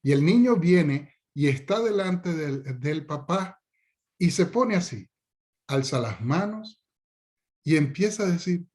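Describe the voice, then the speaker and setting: Brief: pastor, fairly high voice, informal lesson delivery, jokes, fillers and restarts. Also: male voice, animated, slow pace, a little mellow. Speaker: pastor teaching a discipleship class. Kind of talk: conversational Bible lesson.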